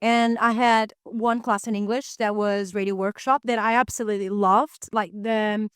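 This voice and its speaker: Give me a young woman chatting casually on a podcast, eager and rambling, with a clear, smooth voice. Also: mid-range voice, fairly even intonation, normal speed, fairly bright tone, no echo, clean studio sound. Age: young adult. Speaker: podcast co-host. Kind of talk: casual chat.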